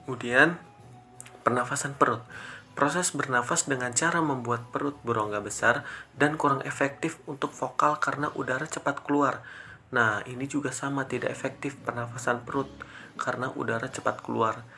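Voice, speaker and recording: A young man teaches children how to sing, explaining each technique patiently and now and then singing a short phrase slowly to show it. His voice is bright and clear. Faint music plays in the background. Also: mid-range voice. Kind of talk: classroom lesson for children.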